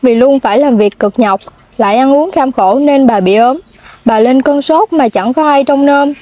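High-voiced young woman telling a folk tale. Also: moderate pace, dry recording. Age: 20s. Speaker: storyteller. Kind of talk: reading a folk tale aloud. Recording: dull lo-fi sound.

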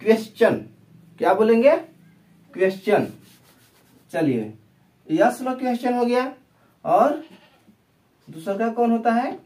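A man's voice: extremely high pitch, big pitch swings, a little mellow, far from the mic. A male teacher giving an English grammar lesson in Hindi, who keeps asking questions and answering them himself. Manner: slow, repetitive, asks and answers his own questions. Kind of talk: classroom lesson explaining tenses.

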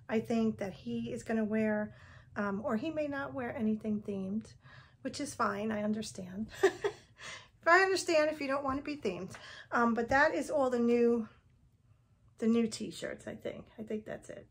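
A woman's voice: on the high side, background noise. A middle-aged woman chatting casually at home in a vlog, rambling with lots of fillers and small laughs. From Northern New Jersey. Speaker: vlogger. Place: home, indoors.

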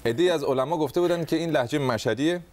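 A man hosting a comedy talk show, interviewing a guest in a playful, teasing way. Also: a little high. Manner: teasing, jokey, animated asides. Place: TV studio.

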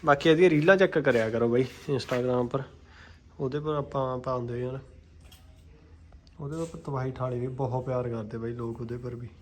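A man's voice: mid-range voice, steady tone, normal speed. Chatty Malwai Punjabi man, noisy recording. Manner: informal, chatty, addresses viewers as brothers. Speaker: vlogger and horse keeper. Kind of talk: casual vlog chat. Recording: noisy handheld vlog with ambient sound.

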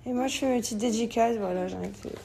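A slightly high-voiced mother cooing at her baby. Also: fast talker, vocal fry, a little hiss or hum. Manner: coos softly at her baby between chatty asides to viewers. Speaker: family vlogger and mother. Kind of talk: casual family vlog.

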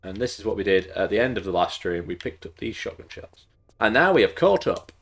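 Streaming a game at home, a man in his thirties speaks in a fairly low, sing-song voice at a slightly fast pace, congested and losing his voice. His casual live-stream chat while playing is rambling and chatty, sprinkled with jokey asides.

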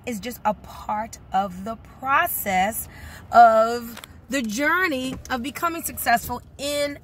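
A woman's voice: fairly high pitch, fairly bright tone, slight background noise. A woman giving a motivational talk as a network marketing coach, speaking directly to her viewers with emphatic encouragement.

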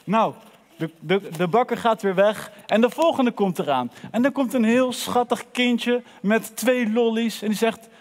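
Lively high-voiced children's storyteller man. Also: a little slow, big-room sound. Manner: lively, addresses the children directly. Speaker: children's church presenter.

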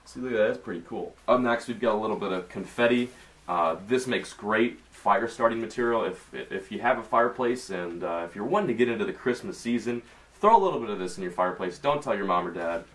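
Young male vlogger, Midwestern American accent, slightly low voice, loose and chatty, filmed at a desk in a small bedroom. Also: fairly bright tone. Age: young adult. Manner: chatty, casual, lots of fillers and slang. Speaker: fishing tackle vlogger. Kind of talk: casual unboxing vlog.

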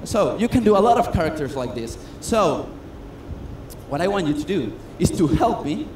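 Man, high voice, chatty self-mocking magician patter; echoey stage, noisy room. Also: sing-song, normal speed, darkish tone. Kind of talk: comedic stage patter with audience. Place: cruise ship stage. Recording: echoey stage sound with noise.

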